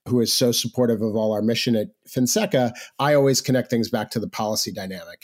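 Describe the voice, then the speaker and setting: A man giving conversational expert commentary as a podcast guest, informal and explanatory, checking in as he goes. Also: medium pitch. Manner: informal, explanatory, checks in with "right?" and "you know". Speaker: podcast guest, financial policy advocate.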